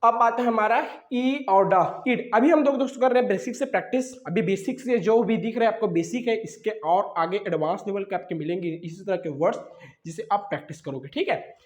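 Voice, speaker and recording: A young man, unwell, teaching English reading from slides, who drills syllable blends slowly and talks fast between sets. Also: high voice, reverberant. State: unwell, coughing. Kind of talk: slide-based phonics lesson.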